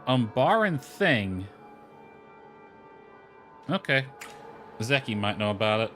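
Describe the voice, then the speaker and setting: With a medium-pitched, sing-song voice that's a bit bright, a man slowly reads game dialogue and adds offhand remarks while commenting on his own playthrough. Lo-fi music plays underneath.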